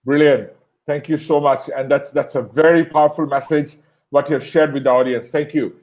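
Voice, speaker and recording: A man from Bangladesh hosts an interview and wraps it up, talking in halting stretches that are full of fillers and repeated words. His voice sits a little higher than most men's. He keeps thanking his guest over and over. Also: steady tone. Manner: warm thanks with many fillers and restarts. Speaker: host. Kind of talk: closing an online interview show.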